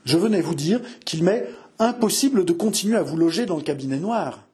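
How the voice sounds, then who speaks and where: A man's voice: high voice, expressive, fairly quick, dark tone, pitched above the performer's own voice. A man voicing a fussy, easily flustered middle-aged innkeeper who stammers and protests indignantly.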